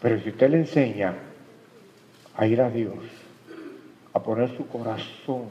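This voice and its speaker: A man's voice: mid-range voice, unhurried, a crowd in the background. A man preaching a sermon, often turning to the congregation with questions and calling them brother. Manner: addresses the congregation directly with questions and "hermano". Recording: lo-fi recording with long hall reverb.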